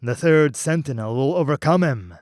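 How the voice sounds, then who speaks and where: A man's voice: a little high, lively intonation, moderate pace, darkish tone, no echo, studio quality, lightly acted. A man voicing a stern, cold male god of death with a commanding manner.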